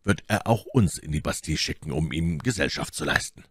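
A man reading aloud voices a calm, cool-headed musketeer who speaks quietly and indifferently. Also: very deep voice, normal speed, no room sound, studio quality.

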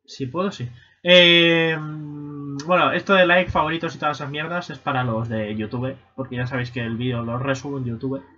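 A young man commenting casually on a video game stream, swearing and breaking into excited shouts. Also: mid-range voice, brisk. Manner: excitable, swearing, bursts into shouts and silly voices. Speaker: gaming streamer. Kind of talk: casual let's-play commentary. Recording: lo-fi stream mic audio.

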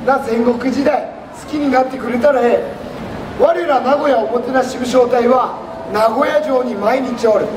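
A man's voice: extremely high pitch, steady tone, moderate pace. A man playing a jovial, folksy samurai warlord on stage, speaking theatrically in archaic lordly Japanese turns of phrase with a Nagoya accent. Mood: jovial, grand. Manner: theatrical, archaic lordly speech, projecting to audience. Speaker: costumed history performer and host. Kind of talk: live stage history lesson in samurai character. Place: large public indoor event stage. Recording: echoey noisy hall, crowd, far off.

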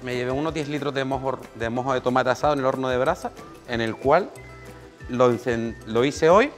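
This is a man teaching cooking in a small kitchen, with soft music playing. He's a chef with a medium-pitched, brisk delivery who practically guides his assistant through each step.

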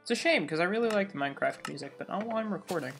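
A young man hosting a let's play, excitable and rambling, jittery from coffee and breaking into sudden high squeals. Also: racing, vocal fry. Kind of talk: casual gameplay commentary. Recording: game music playing loudly behind. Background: video game music.

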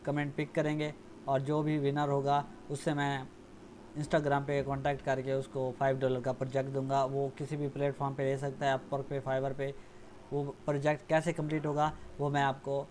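A man hosting a freelancing channel, giving a casual, unedited announcement straight to his viewers, his voice not fully clear. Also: mid-range voice, a little mellow, a little hiss or hum. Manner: plain, informal, direct address to viewers.

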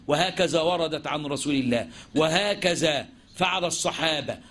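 His voice is high and a bit bright as this Egyptian-accented man teaches a religious lesson on Islamic jurisprudence. He asks and answers his own questions, mixing formal classical expressions with colloquial speech.

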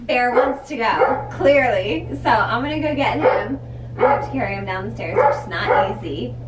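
A woman's voice: on the high side, lively intonation, normal speed, very noisy. A woman talking casually to the camera in a farm vlog, chatty with lots of fillers, switching to sweet baby talk for her animals. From Pennsylvania. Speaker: lifestyle vlogger. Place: farm, indoors and outdoors.

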